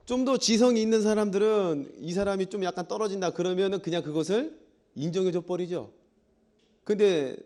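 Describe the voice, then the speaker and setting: High-voiced Korean pastor preaching. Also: male voice, warm tone. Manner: asks the congregation questions; acts out quoted dialogue. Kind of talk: sermon with Bible reading. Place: church.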